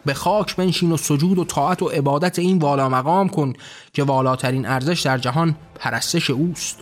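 Brief: a man doing an enraged god-king on his throne, bellowing threats, voice pushed higher, faint music behind. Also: fairly even intonation, natural voice. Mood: furious. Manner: thundering, commanding shouts. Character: wrathful almighty male god on a throne.

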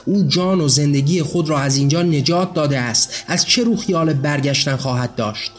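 A man voicing a cautious, skeptical male revolutionary who speaks in a measured way, in a read-aloud story. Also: on the high side, lightly acted. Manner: measured, objecting.

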